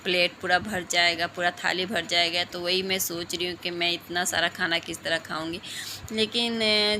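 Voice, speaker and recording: Hoarse woman with a bright, even voice. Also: on the low side, a little hiss or hum. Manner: calm, explanatory, with pauses and fillers. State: hoarse throat; tired. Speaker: vlogger mother. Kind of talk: casual home vlog narration.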